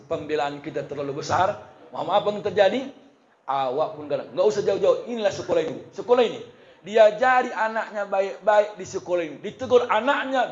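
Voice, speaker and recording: A man preaching a humorous sermon at a religious study gathering, talking in a lively, joking way and often addressing the women in the audience. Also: sits high, dull audio. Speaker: Islamic preacher.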